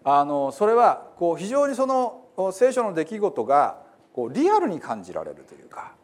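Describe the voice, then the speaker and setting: A man's voice: sits high, huge pitch swings, moderate pace. A middle-aged male pastor from Hiroshima with a Hiroshima accent, giving a chatty, self-deprecating sermon introduction with frequent fillers. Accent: Hiroshima Japanese. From Hiroshima, Japan.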